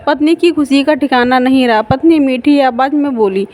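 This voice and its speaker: A woman's voice: sits high, normal speed, a little mellow. A woman reading a scripted moral story aloud in an earnest, moralizing tone, voicing every character herself. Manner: reads all parts in her own voice, earnest moralizing tone.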